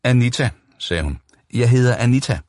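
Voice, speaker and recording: A man's voice: medium pitch, animated, a little mellow, no room sound, clean studio sound, pitched above the performer's own voice, natural voice. Man voicing a curt young woman. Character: young woman at a nightclub, guarded.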